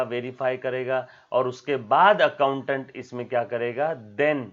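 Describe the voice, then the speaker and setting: A man teaching an accounting lesson, asking his students questions, repeating key words and acting out little dialogues. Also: medium pitch. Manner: acts out dialogues in a raised voice, asks students questions; code-mixes English terms, repeats key words. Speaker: commerce teacher. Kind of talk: classroom lecture. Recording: dull lo-fi sound.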